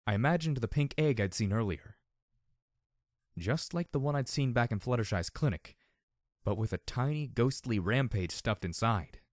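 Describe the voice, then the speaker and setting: A man narrating an audiobook in a steady first-person reading. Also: medium pitch, moderate pace, dry recording, clean studio sound.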